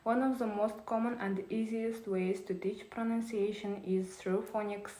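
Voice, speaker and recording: Woman, mellow tone, careful reading of a prepared talk, small restarts, echoey room. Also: mid-range voice, fairly even intonation, moderate pace.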